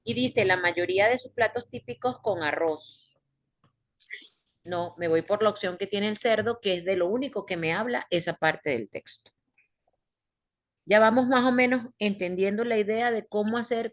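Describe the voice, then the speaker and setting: At a moderate pace and in a mid-range voice, a woman teaches English online. Patient throughout, she explains step by step and asks her class questions.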